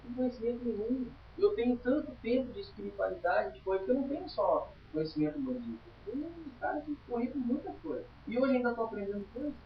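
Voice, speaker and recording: A man's voice: very high voice, expressive, quick pace, hardly any pauses, recorded from a distance, slight background noise. A man teaching a spiritualist study group in an informal lecture, chatty and emphatic, often checking in with his listeners. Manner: chatty, emphatic, tags lines with "tá?". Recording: roomy, dull lo-fi room recording.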